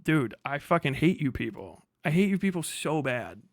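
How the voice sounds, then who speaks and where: This livestream host has a fairly high voice with big swings in pitch, speaking at a moderate pace. He reads messages out and reacts with an agitated, vehement rant laced with heavy swearing. The recording is dry and studio quality.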